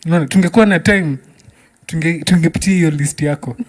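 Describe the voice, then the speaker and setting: A man with a Kenyan accent and a fairly quick, high-ish voice hosts a music talk show. His interview style is casual and bantering, full of exclaimed reactions, and he switches between English and Swahili.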